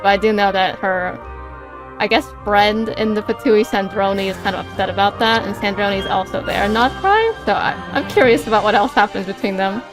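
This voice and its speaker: A woman's voice: mid-range voice, steady tone, a little fast, over music. A woman hosting a casual reaction chat, eagerly explaining game lore in detail and asking her guest questions. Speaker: VTuber host.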